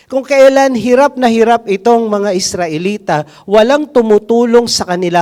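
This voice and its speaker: A man preaching a sermon, mixing English into his talk and asking the congregation rhetorical questions, swinging from loud to hushed. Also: sits high. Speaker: pastor.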